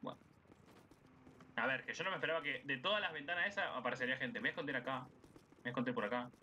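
A young man with an Argentine accent giving casual, excitable gameplay commentary, swearing and shouting at the game. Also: mid-range voice, fast talker, highs cut off. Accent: Argentine Spanish. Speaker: gaming YouTuber. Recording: noisy game audio with gunfire behind.

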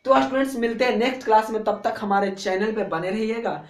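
A man's voice: high voice, fast talker. A male biology teacher with a Bihari Hindi accent talks students through exam questions in a chatty, coaxing way. He chants the numbers to memorise over and over, like a drill. His voice rings around a bare, echoey room. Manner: drills answers by repeating them in a chant; colloquial and coaxing, keeps checking "theek hai na". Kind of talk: exam-prep lecture.

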